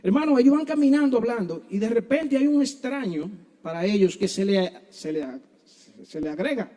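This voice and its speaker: A man's voice: very high-pitched, lively intonation, normal speed, mellow. A man preaching a sermon in church, earnestly addressing his listeners as brothers.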